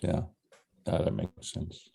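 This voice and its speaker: A man's voice: slow, mellow, no room sound. A man presenting in a video meeting, answering questions casually and frankly as he thinks aloud.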